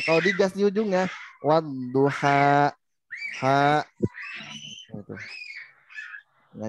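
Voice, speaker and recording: A man's voice: medium pitch, a little mellow, a little hiss or hum. A man with an Indonesian accent teaching Quran recitation, patiently explaining and modeling sounds. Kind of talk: online tajwid lesson.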